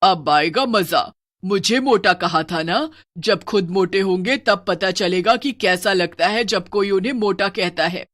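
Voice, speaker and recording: A woman voicing a fat, spiteful female witch in a cartoon who sells burgers, calling out loudly and gloating with a cackle. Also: medium pitch, unhurried. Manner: loud hawker's calls, cackling, spiteful gloating. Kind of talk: cartoon voice acting.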